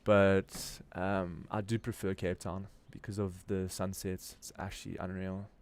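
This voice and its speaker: A little slow and level in tone, this low-pitched, darkish voice belongs to a crypto livestream host from Durban. He chats informally about the market in a South African accent, using slang while thinking aloud.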